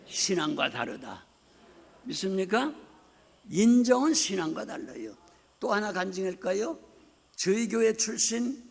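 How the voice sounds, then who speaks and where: An older man preaching a sermon as pastor, telling stories with lively acted-out voices and frequent asides to the congregation. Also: high voice, gravelly, breathy edge. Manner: animated storytelling, acts out quoted voices, frequent "네?" asides. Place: church sanctuary. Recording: long hall reverb.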